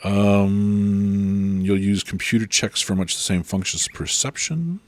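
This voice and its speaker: A man acting as game master, talking haltingly and reading rules aloud with many fillers. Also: fairly low pitch, dry recording. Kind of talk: running a tabletop game over a call.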